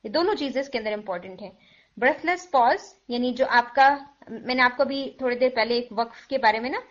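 A woman's voice: on the high side, fairly quick. A woman teaching the rules of Quran recitation, explaining step by step with patience and mixing in English words. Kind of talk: tajweed lesson. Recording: dull lo-fi recording.

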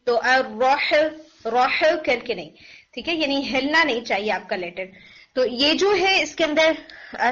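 A woman with a high, bright voice teaches pronunciation, drawing out each sound to demonstrate it. She has a sore throat and keeps clearing it. The recording is dull and lo-fi. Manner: demonstrates sounds by voicing them slowly; mixes English phrases into Hindi-Urdu. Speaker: teacher of Quranic recitation. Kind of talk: pronunciation lesson.

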